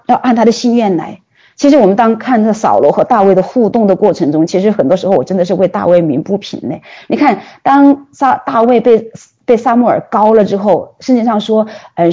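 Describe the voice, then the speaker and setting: A woman preacher giving a sermon, telling the story with animated delivery and frequent rhetorical questions. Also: medium pitch, husky, muffled recording.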